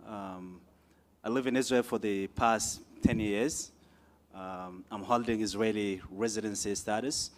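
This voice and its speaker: A man in his early thirties with a Sudanese accent, introducing himself as a panelist at a conference. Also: lowish voice. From Darfur, Sudan. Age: early 30s. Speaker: student panelist.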